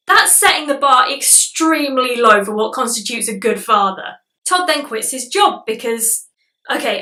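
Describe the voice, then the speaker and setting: A woman narrates a comedic film review with sarcastic, sweary exasperation. Her voice is high and bright. The recording sounds roomy, with the mic a little distant.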